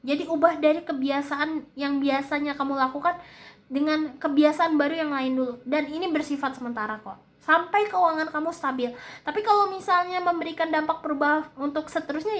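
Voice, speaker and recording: A woman's voice: high voice, a little fast, fairly bright tone. A woman with an Indonesian accent and a slight lisp that occasionally slurs her r, giving a casual forecast and advice in a hesitant, explanatory way. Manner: hesitant, searching for words, explanatory. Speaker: tarot-style reading host.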